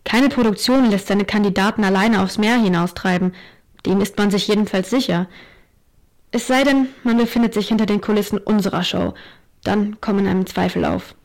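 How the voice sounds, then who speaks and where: Casting: woman narrator, mid-pitched, calm and reflective, scripted. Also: moderate pace. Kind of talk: scripted first-person narration.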